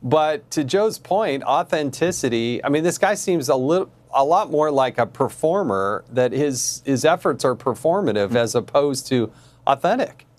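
A man's voice: mid-range voice, animated, normal speed, darkish tone. A man hosting a cable news show, delivering emphatic, scornful commentary and questioning his guests.

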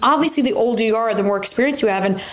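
A woman's voice: on the high side, rapid-fire. A woman in her twenties co-hosting a casual political debate, speaking in a blunt, candid way. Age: 20s. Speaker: co-host.

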